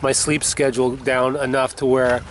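A man in his fifties vlogging alone from his sailboat at sea, talking in a relaxed, rambling way and often correcting himself. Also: mid-range voice, normal speed. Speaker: solo sailor vlogging. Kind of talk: casual video diary. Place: outdoors on a sailboat cockpit at sea. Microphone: handheld camera at arm's length. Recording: windy outdoor camera audio with sea noise. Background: wind and water noise.

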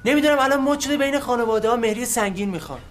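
A man's voice: very high-pitched, a little hiss or hum. An actor playing a talkative, overly polite family man in a TV sitcom who speaks in flowery phrases. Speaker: family man leading a suitor visit. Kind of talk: TV sitcom acting.

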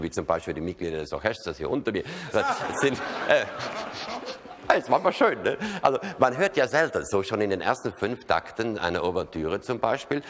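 Wry Rhineland comedian on an opera stage. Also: male voice, on the low side. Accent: Rhineland German. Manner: wry, chatty, lots of tag questions. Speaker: cabaret comedian. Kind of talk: live stage comedy monologue. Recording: live hall recording, long reverb, faint noise.

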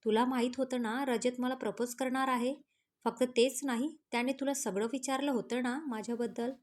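A woman voicing a feisty sharp-tongued young wife. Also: a little high, fairly even intonation, normal speed, close to an everyday voice. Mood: scolding. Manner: scolding, teasing.

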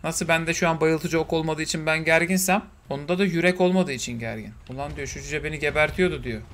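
A young man, commentating a survival game in a lively, excitable way, swearing and yelling at the creatures. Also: fairly high pitch, a little fast, a little hiss or hum. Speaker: gaming streamer. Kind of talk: let's play commentary.

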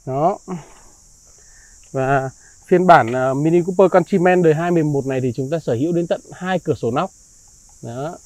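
A man giving a slick, polite used car salesman's walkaround pitch, praising and reassuring as he goes. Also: normal speed, long pauses, darkish tone, no echo. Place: outdoors beside and inside a parked car.

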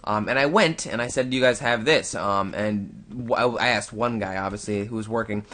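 In casual let's-play style, a young Canadian YouTuber rambles about his game, talking near the mic to his audience and to himself. The voice is lowish, bright and forceful, at a normal speed.

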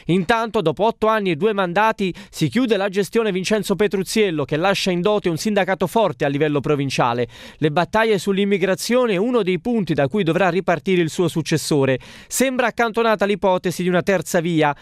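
A man's voice: high voice, brisk, no room sound, studio quality. A man reading a scripted television news report as a voice-over.

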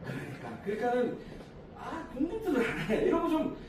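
A man's voice: very high-pitched, huge pitch swings, brisk, a little hiss or hum. Laughing, boastful man in an echoey room. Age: middle-aged. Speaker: social dance instructor. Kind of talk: casual chat with a dance partner. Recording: echoey distant room mic.

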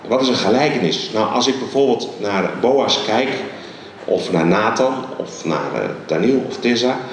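Recorded from a distance, a middle-aged man from the Netherlands preaches as a guest in a big, heavily echoing hall, a faint hum of ambience in the background. Holding a mic on the church stage, he gives his sermon animatedly, pitch swinging for emphasis and broken by frequent pauses.

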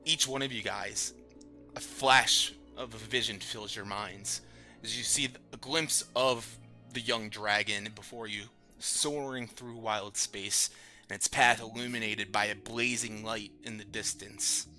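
A man's voice: on the low side, steady tone, a little slow, sharp tone, soft background music. A man working as game master, narrating a tabletop fantasy game in descriptive prose.

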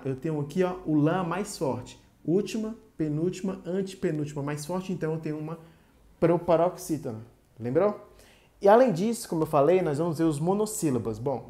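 A woman with a Brazilian accent gives a short grammar lesson to her viewers. Her voice sits low and sounds soft and mellow. She speaks in a clear, teacherly way and slows right down to spell out each syllable of her example words. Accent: Brazilian Portuguese.

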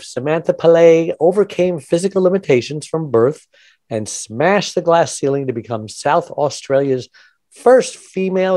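A man's voice: on the high side, a little mellow, no echo, studio quality. A man hosting a radio-style podcast interview, talking in a chatty, upbeat promo patter. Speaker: podcast host.

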